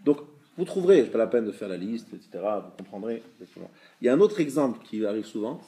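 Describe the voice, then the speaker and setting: A man teaching a live religious class, explaining patiently, checking with his students and sounding out words slowly to show them. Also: lowish voice, very animated, warm tone.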